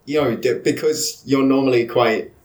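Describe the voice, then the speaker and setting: A man's voice: mid-range voice, steady tone, normal speed, a little mellow. A man with a Cambridge English accent hosting a podcast, speaking hesitantly with many fillers and chuckles. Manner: hesitant, many ums and you-knows, chuckles. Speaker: podcast host. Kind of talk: casual podcast chat. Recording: echoey room.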